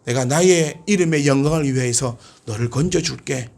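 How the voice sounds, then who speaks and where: A man speaking as God, calmly promising to rescue a believer. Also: medium pitch, normal speed, gravelly, pitched below the performer's own voice, lightly acted. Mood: reassuring. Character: reassuring divine male voice.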